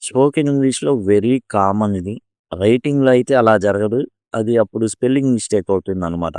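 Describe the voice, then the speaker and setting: Low, smooth-voiced male lecturer. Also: mellow, no room sound, clean studio sound. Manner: slow, stretching example words to show how they sound. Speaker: English lecturer. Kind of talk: explaining a lesson.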